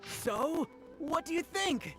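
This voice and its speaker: A woman's voice: high-pitched, expressive, takes it slowly, music in the background. A woman voicing an adoring young fan-club member in a video game, who talks in a gushing way.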